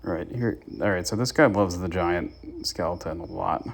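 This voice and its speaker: A gaming YouTuber, a young man with a low, gravelly voice, talks at a moderate pace. He hosts his channel with relaxed gameplay commentary, chatting and sharing tips with viewers.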